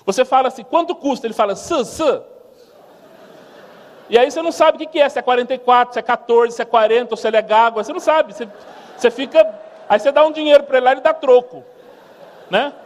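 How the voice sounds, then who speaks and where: Talking very fast in a very high voice, a missionary with a Brazilian Portuguese accent offers a comical church testimony. He tells lively stories and imitates sounds, with a long reverb tail on the audio.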